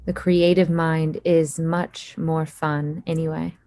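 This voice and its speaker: A woman leading a guided hypnosis meditation in a slow, soothing voice with long pauses. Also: low voice, level tone, mellow, no room sound.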